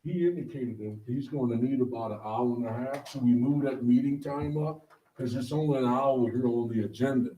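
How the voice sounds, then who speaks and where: A man's voice: medium pitch, fairly quick, warm tone. A man talking casually as a board member in a meeting. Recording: distant, echoey, noisy room.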